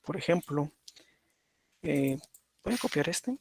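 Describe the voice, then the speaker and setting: A man's voice: on the high side, animated, slow, creaky, slight background noise. A man teaching a lesson at his computer, explaining step by step and checking in with "right?" as he draws. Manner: explanatory, repeats "por ejemplo" and "¿verdad?". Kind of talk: lecture on automata.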